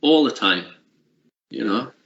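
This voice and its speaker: Here the middle-aged sports coaching lecturer answers interview questions slowly, with lively intonation and a fairly bright, mid-range voice. His reflective replies are full of restarts and fillers. It's captured in a lo-fi, roomy recording.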